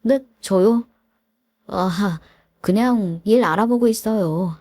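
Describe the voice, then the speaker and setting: A woman's voice: mid-range voice, slow, dark tone, no echo, studio quality. A woman voicing a defensive, shiftless young husband who mumbles excuses in a storybook reading. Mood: sheepish. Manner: mumbling excuses, then snapping back.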